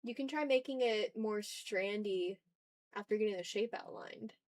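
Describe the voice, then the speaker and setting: A woman with a mid-range, darkish voice talks at a moderate pace. Streaming live while she draws, she chats casually with viewers and mutters her way through each step.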